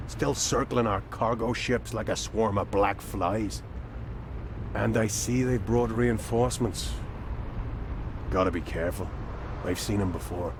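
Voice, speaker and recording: A man's voice: on the low side, unhurried, pauses often, background noise. An actor playing a bold, loyal male ship captain with a Scottish accent, barking blunt orders. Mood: determined. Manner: blunt, clipped radio orders.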